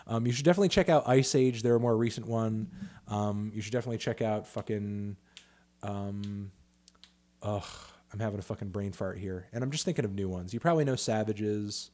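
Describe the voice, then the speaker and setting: A man's voice: on the low side, a little fast, warm tone. A man in his thirties hosting a casual livestream Q&A about music, talking loosely with lots of fillers, restarts and swearing. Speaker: music critic host answering viewer questions.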